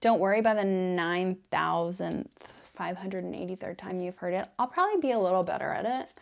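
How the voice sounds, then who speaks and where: Lady being a quirky devil for asmr, rambly and deadpan, keeps cutting herself off. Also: on the low side, a little fast, vocal fry. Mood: teasing, smug. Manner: rambling, playful deadpan with self-interruptions. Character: quirky female devil welcoming a newcomer to hell. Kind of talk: ASMR role-play.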